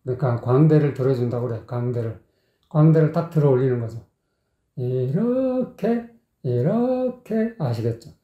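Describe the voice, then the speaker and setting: Singing teacher on a tinny, echoey recording. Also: medium pitch. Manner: sings short phrases slowly, then explains in quick, plain speech; often checks with the learner by asking "you get it?". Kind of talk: vocal lesson with sung demonstrations. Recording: echoey, tinny phone-like sound.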